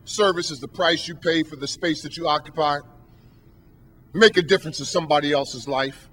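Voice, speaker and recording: Emphatic high-voiced male motivational speaker. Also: moderate pace, a bit bright. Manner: emphatic, rhetorical questions, preacher-like. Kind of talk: motivational speech. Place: stage at a podium.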